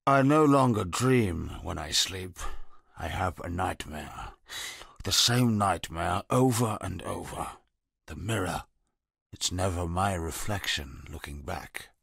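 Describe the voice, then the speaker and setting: In a very deep, gravelly, husky voice, a bitter, disfigured convict speaks slowly and broodingly, sounding low, haunted and sardonic. His wary lines land dry and close in a studio game recording, a full character voice that is a bit bright with no echo.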